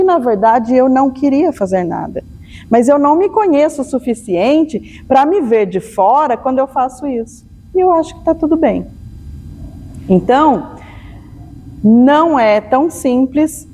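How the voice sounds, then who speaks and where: A woman's voice: a little high, warm tone, big-room sound, slight background noise. A Brazilian woman giving a spiritual lecture to an audience, telling everyday stories and acting out bits of dialogue. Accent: Brazilian Portuguese. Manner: storytelling, acts out dialogue.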